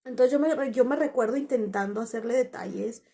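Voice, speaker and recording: A woman's voice: a little high, a little fast, gravelly, dark tone. A woman, candidly telling the story of her breakup to her viewers. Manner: candid, conversational, quotes past dialogue. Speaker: vlogger. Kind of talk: confessional storytelling.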